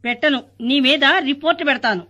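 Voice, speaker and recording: A woman's voice: high voice, fast talker, fairly bright tone. A woman playing a careless young nurse in a stage comedy, answering back cheekily. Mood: cheeky.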